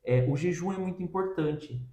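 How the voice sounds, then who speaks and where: A man's voice: fairly high pitch, normal speed, dark tone, roomy sound. A man explaining a Bible reading in a casual, conversational way, full of fillers. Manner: conversational, many fillers like né and tipo assim. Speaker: co-host of a Bible reading podcast.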